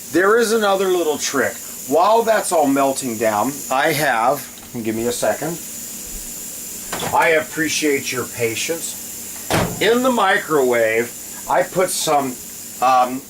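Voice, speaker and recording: Man rambling through a cooking vlog, hissy recording. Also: medium pitch. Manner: rambling, often breaks off to handle things. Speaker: home cook showing a recipe on video. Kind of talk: casual cooking vlog chat. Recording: loud steady hiss behind voice. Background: loud hissing.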